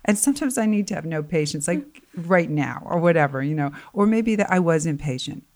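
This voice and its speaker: A middle-aged woman with a slightly low voice speaks earnestly as a guest coach. She talks with conviction and turns animated when she acts out what other people say. Her voice sounds a little tired. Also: a little fast. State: voice getting tired. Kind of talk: conversational interview.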